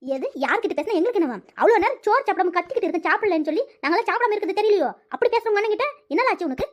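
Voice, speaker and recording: Woman voicing a shrill scolding village mother. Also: lively intonation, rapid-fire, lo-fi sound. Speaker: cartoon voice actor.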